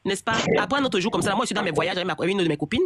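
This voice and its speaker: A woman tells a personal story in casual chat, her medium-pitched voice expressive and racing. She rambles, restarting and repeating herself often, over noisy online audio.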